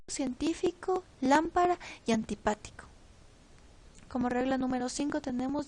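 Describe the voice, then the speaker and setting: A teenage girl reading a class presentation from notes, pausing and stumbling over words now and then. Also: high voice, dark tone, low-quality recording. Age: teens. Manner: reads from notes with pauses and slips. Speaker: student presenter.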